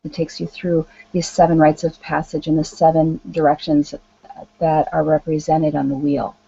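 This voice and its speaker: A woman speaking in a calm, gentle, reassuring way, giving an earnest motivational talk as a spiritual teacher. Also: deep voice, normal speed, gravelly, breathy edge, muffled recording.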